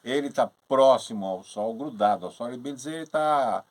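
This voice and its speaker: A man's voice: mid-range voice, normal speed, a little mellow. A man in casual conversation who chimes in with short replies and explains things briefly. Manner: brief agreeing interjections. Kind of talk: casual chat.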